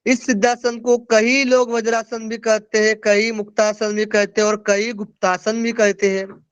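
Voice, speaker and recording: A man's voice: sits high, flat delivery, unhurried, clear, resonant tone, no echo, highs cut off. A man teaching a yoga class over a video call. He explains each verse and keeps checking in with his listeners. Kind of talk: online class lecture.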